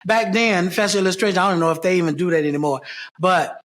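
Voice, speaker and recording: A man's voice: high-pitched, fast, a bit bright. A man, a theater company founder, answering interview questions in a reflective, storytelling way, stacking up repeated phrases to make his point. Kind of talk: casual interview.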